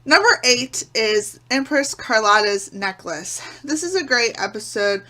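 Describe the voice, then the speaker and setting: A woman presents a countdown review as a YouTube host. Her voice sits fairly high and has a bright, forceful edge. She sounds enthusiastic about her subject. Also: sing-song, unhurried. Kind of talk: scripted countdown review to camera.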